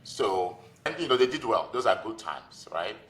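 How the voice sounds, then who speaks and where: Speaking at a moderate pace, this man has a lowish, fairly bright voice and is very animated. He's in his forties, has a Nigerian accent, and appears as a podcast guest, a physician and investor casually recounting his own life in a conversational interview.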